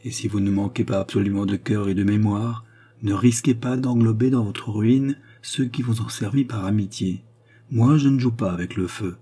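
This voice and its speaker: A man reading an audiobook voices a shrewd, scheming countess who speaks in a sharp, peremptory, blunt way. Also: fairly low pitch, husky.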